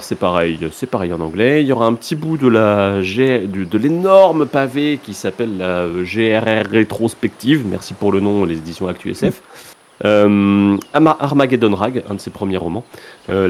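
A man's voice: fairly low pitch, darkish tone. A man hosting a podcast in casual chat, hesitant, with many filler sounds and restarts. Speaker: podcast host.

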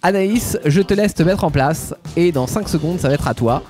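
A man's voice: on the high side, lively intonation, normal speed, darkish tone, faint music behind. A man hosting a radio show, announcing a game and teasing his co-hosts in playful banter.

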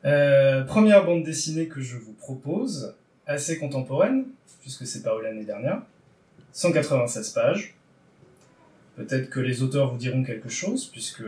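A man's voice: medium pitch, a little mellow. Guy hosting a podcast book draw, teasing and wordy, roomy sound, bit far from the mic. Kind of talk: casual podcast chat.

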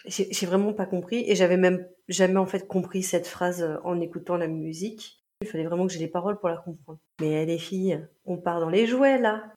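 A woman speaks in French with a mellow, warm tone. She co-hosts a relaxed chat and explains song lyrics at length, frank and joking. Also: on the low side, brisk, few pauses. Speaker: podcast co-host.

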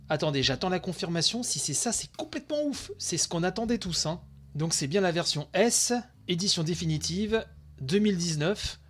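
A tired man hosting a podcast, giving chatty, excitable live commentary on a video stream, full of fillers and asides. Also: fairly high pitch. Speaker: podcast host.

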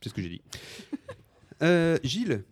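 A man's voice: on the high side, very animated, fast talker. A man hosting a casual podcast chat, playful and laughing often, tossing in English quotes. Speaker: host.

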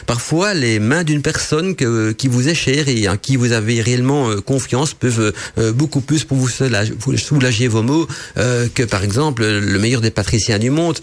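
A man with a nasal, slightly hoarse voice from a head cold, hosting a radio talk in a hesitant, explanatory way. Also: mid-range voice, normal speed, few pauses. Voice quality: nasal, congested voice. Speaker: radio show host.

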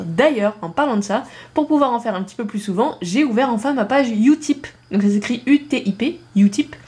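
A woman's voice: medium pitch, darkish tone. A woman hosting a casual podcast lesson as an English teacher, playful and self-mocking, laughing often as she explains.

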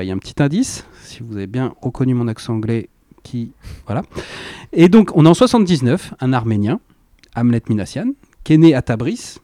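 A man's voice: mid-range voice, mellow, no room sound, studio quality. A man hosting a music radio show, presenting records in a casual, enthusiastic chat with laughing asides and slangy phrasing.

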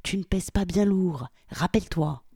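A woman voicing a foul-mouthed, brutal male gangster who barks harsh orders in a loud voice. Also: lowish voice, moderate pace, breathy edge, dry recording, studio quality, pitched above the performer's own voice. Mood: furious. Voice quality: harsh, swearing, barking orders.

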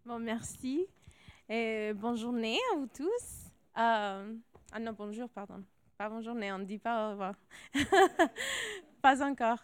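A young woman missionary from California with an American accent, soft-spoken and searching for words as she gives her personal testimony. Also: on the high side, slow pace, pauses often, clear, resonant tone, no room sound. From California, United States. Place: church.

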